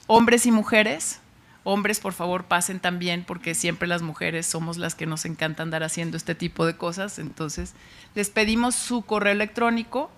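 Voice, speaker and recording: A Mexican woman with a Mexican Spanish accent, giving an informal public science talk in a chatty way, often pausing and restarting. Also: medium pitch, a bit bright. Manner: chatty, with frequent fillers and restarts.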